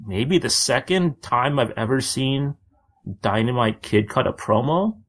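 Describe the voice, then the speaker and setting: A man co-hosting a podcast, talking in a relaxed, casual way and filling his speech with lots of "like" and "uh". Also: medium pitch, measured pace. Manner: relaxed, filler-heavy with frequent "like". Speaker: podcast co-host.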